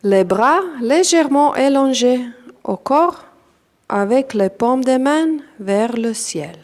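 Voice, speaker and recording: Guiding a yoga nidra meditation, a woman instructor speaks French with a non-native accent and a high-pitched voice. The pacing is calm and deliberate, with short phrases and long pauses.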